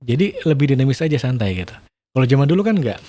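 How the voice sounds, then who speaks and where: Male voice-over pro, casual talk, fast and lively, bending his intonation freely. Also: mid-range voice. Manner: lively, laughs often, talks quickly; shifts intonation to demonstrate reading styles. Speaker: voice-over talent giving a talk.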